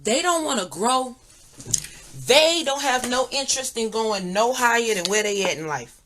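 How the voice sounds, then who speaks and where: With a fairly high, expressive, somewhat bright voice at a moderate pace, this woman chats candidly with her viewers in slangy, emphatic style, repeating phrases for effect. She's a tarot and energy reader hosting her channel online. A nearby propped phone or similar device picks her up, and there's noise and clicking throughout.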